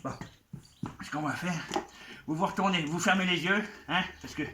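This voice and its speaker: A man with a fairly high voice hosts a playful live show for children, coaxing the crowd and chatting straight at them. The sound is roomy and echoey, with clear background noise from the venue around him. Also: normal speed, sharp tone. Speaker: children's entertainer playing a goblin expert.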